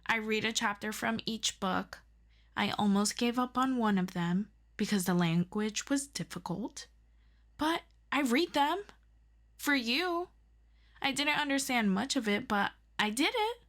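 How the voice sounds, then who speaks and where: In an audio roleplay, a woman plays an earnest, eager superhero best friend, her fairly high voice animated and a bit bright. She comes across as defensive but earnest, tutoring the listener in a halting, casual way and making light of herself.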